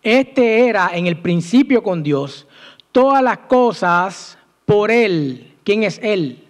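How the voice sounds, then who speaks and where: A man preaching a sermon in church, asking the congregation questions and answering them himself, with emphatic swings in pitch and loudness. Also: animated. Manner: slow, emphatic delivery with sudden rises and drops in pitch and loudness.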